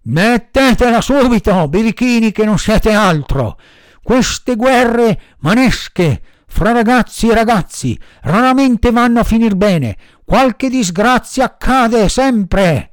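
A man voicing a big sea crab in a storybook reading, with a hoarse, booming voice that scolds slowly. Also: animated, no room sound, exaggerated voice. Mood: scolding. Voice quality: hoarse, booming like a trombone with a cold. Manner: slow, scolding, preachy.

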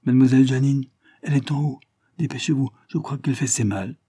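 A man's voice: mid-range voice, fast talker, dark tone, breathy edge, no room sound, clean studio sound, voice pushed up, natural voice. A man reading aloud, voicing a building concierge who speaks urgently.

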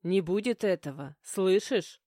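A woman's voice: mid-range voice, animated, a little slow, mellow, no room sound, studio quality. A woman reading an audiobook, voicing a defiant, frightened young woman who talks back indignantly. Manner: indignant, pleading.

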